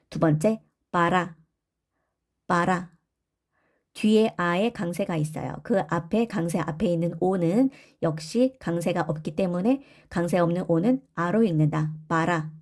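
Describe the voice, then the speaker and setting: A woman's voice: fairly low pitch, a little mellow. A woman teaching a pronunciation lesson, explaining rules and leading repeat-after-me drills of single sounds. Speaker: language teacher.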